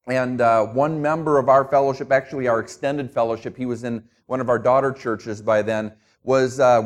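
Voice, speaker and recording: Guest pastor delivering a sermon: a middle-aged Minnesotan with a New Jersey accent and a mid-range voice. He keeps things relaxed and conversational, poking fun at himself along the way.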